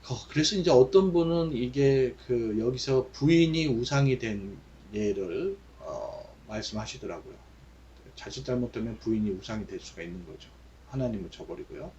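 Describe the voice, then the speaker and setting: A man teaching English Bible verses, reading each line slowly and then explaining it in Korean with many fillers. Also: mid-range voice, expressive, warm tone, dull audio.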